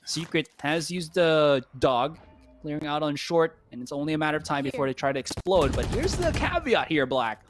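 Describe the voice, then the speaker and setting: A man commentating live on an esports match as an excitable caster, exclaiming and throwing out rhetorical questions. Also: a little high, normal speed, background noise.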